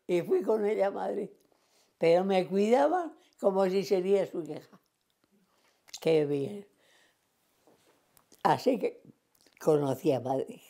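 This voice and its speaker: A woman's voice: mid-range voice, lively intonation, slow pace, creaky, pauses often, mellow. A woman over a hundred, rambling through memories in an oral history interview. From Cantabria, Spain. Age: 100s. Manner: rambling reminiscing, acts out remembered dialogue.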